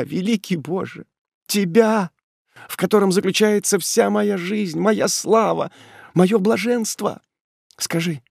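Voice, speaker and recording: A man's voice: fairly high pitch, dry recording, studio quality, pitched above the performer's own voice. A desperate, pleading young woman, as a male reader voices her. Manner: impassioned, pleading, tearful delivery. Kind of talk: audiobook reading.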